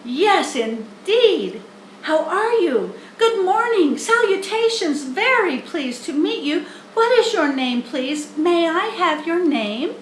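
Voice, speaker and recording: Woman playing a young boy piglet, storybook character, high voice, eager, anxious, polite, echoey room. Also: sing-song, slow pace, a little hiss or hum, heavily acted. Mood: eager, excited. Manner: effusive, stammering when upset. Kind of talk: children's storybook character reading.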